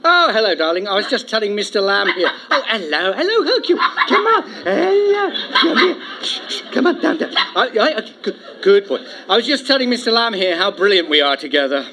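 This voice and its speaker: A man's voice: sits high, very animated, fairly quick, hardly any pauses, a crowd in the background. A man playing a smug, dryly teasing detective and divorced husband in a radio comedy. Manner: smug, dry teasing, chuckling.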